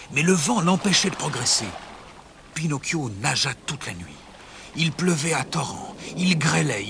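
A man narrating a children's storybook in a dramatic, expressive way. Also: mid-range voice, background noise. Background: music.

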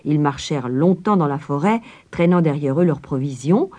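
A woman narrating a fairy tale in a slow, soft, expressive way. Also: deep voice. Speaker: storyteller.

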